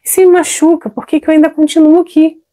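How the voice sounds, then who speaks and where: High-voiced emphatic woman therapist. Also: level tone, fast, dark tone. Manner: emphatic, conversational, addresses listeners as "gente". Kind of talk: direct-to-camera advice talk.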